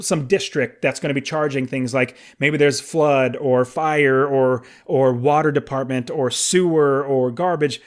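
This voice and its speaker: A man in his late thirties hosting a solo podcast, talking in an enthusiastic, conversational way with emphatic asides. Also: on the high side. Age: 30s. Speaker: podcast host.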